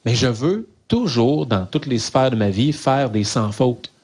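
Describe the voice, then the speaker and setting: A middle-aged man with a Québécois accent talks in a relaxed podcast chat. His voice sits at an ordinary pitch. He is candid and self-mocking, and he brings his stories to life as he tells them. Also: measured pace. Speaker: guest comedian. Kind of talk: casual podcast conversation.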